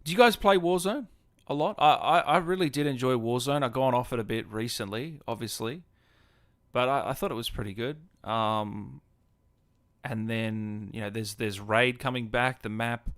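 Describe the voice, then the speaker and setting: Speaking at normal speed with a medium-pitched voice, this Australian gaming streamer and host keeps things informal and chummy, calling viewers "guys" and "man." The sound is dry and close. It's casual livestream chat in which he answers viewers' comments.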